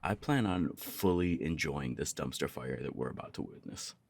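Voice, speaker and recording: Over slight background noise, a young man with an extremely low, expressive voice speaks at a moderate pace. He plays an easygoing, affectionate punk roommate in an intimate ASMR roleplay, carrying one side of the conversation with casual, teasing chatter in a playful, amused mood.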